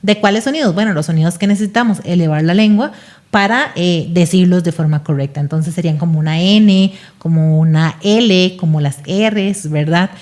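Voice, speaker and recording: A woman's voice: lowish voice, normal speed, a little mellow. A woman speaking as a speech therapist guest on a podcast, explaining patiently and often checking in with "¿verdad?".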